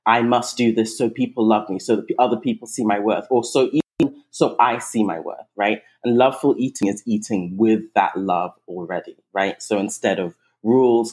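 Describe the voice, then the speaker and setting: A woman raised in England, a guest eating coach, talking in a chatty, warm podcast conversation with frequent ums and restarts. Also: a bass voice. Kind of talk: casual podcast chat.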